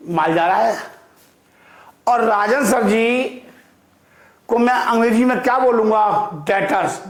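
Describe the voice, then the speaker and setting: A male accounting teacher giving a classroom lecture in a digital-board classroom, asking the class questions and answering them himself, and drawing key terms out slowly. He speaks English with an Indian accent. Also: high voice, echoey room. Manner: asks the class questions and answers them himself, calls students "beta" and "bachhon"; slow, drawn-out repetition of key terms.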